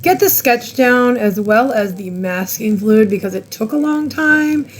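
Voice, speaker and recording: Casual woman art vlogger, rambly and excited, stumbles on brand names. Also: a little high, measured pace. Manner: chatty, rambling, enthusiastic; unsure of product names. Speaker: art channel host. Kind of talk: casual art tutorial chat.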